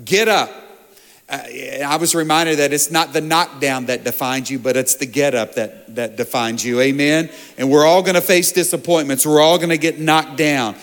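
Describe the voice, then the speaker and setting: A man's voice: a little high, moderate pace, a bit bright. A man speaking informally as a church's host pastor, encouraging the congregation and prompting it for responses in a large auditorium. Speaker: church pastor hosting and introducing a guest speaker. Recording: reverberant hall sound.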